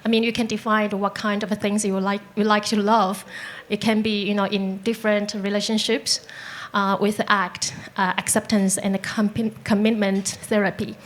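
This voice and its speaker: Woman from Taiwan, panel guest, plain and heartfelt, mid-pitched voice. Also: flat delivery, normal speed. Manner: open, heartfelt, simple phrasing. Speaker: panel guest, business consultant. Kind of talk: live panel discussion.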